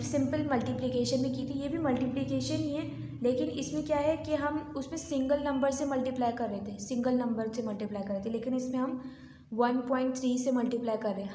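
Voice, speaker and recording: A female maths teacher with a slightly high, mellow voice explains a lesson step by step, patiently counting numbers aloud and often saying "theek hai" to check in. The room sounds echoey, with a little hiss or hum.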